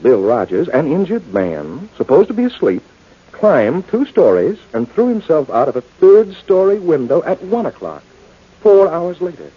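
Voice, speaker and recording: An actor playing a coolly polite, menacing doctor who is a murderer, in old-time radio crime drama style, probing with insinuating hesitations. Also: male voice, a little high, huge pitch swings, moderate pace, breathy edge, full character voice. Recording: dull, lo-fi old radio recording.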